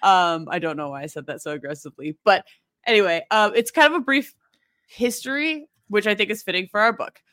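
A woman's voice: mid-range voice, a little fast, a bit bright, no room sound, studio quality. Giggly rambling woman podcast host. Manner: giggly, rambling, self-deprecating. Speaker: podcast co-host presenting research. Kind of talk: casual podcast chat.

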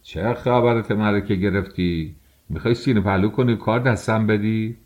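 A brusque, irritable young husband with a deep, husky voice, as a male reader plays him. He scolds and argues in an audiobook drama. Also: dull audio, close to an everyday voice. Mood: irritated. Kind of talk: audiobook character reading.

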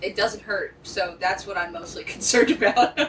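A woman joking around in a casual podcast chat with quick asides. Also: medium pitch. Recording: distant mic with clear noise.

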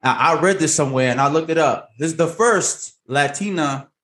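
A man hosting an interview, emphatic and enthusiastic, repeating words and lifting his pitch high when he praises. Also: normal speed, fairly bright tone. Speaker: show host.

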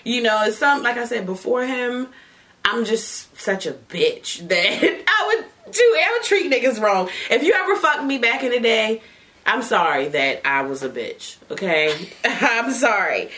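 A woman's voice: on the high side, very animated, a little slow, a bit bright. A woman hosting a casual chat while smoking, bawdy and playful, laughing often. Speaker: podcast host.

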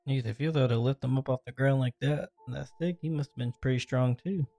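A man co-hosting a podcast, making calm remarks in casual chat. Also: mid-range voice, a little fast, gravelly, no echo, soft background music. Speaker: podcast co-host.

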